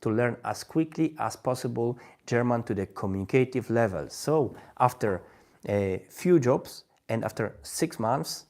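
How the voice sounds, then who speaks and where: Hosting a language-learning livestream in English, this man, a native Polish speaker, has a noticeable Polish accent. His medium-pitched, darkish voice sounds animated, though he halts and restarts frequently while searching for words.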